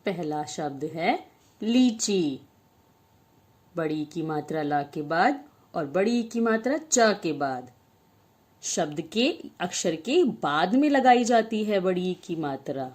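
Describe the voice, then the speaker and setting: A woman teacher takes young children through a spelling lesson at a very slow pace. She speaks one word at a time and draws each one out so the children can repeat it after her. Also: on the low side, big pitch swings, a little mellow. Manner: slow, drawn-out word-by-word dictation.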